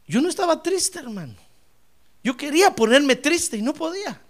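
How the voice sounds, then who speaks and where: A male pastor preaching a sermon, fervent, swinging from loud exclamations to quiet asides and often addressing his listeners directly. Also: very high-pitched, expressive, normal speed. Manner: repeatedly addresses listeners as "hermano".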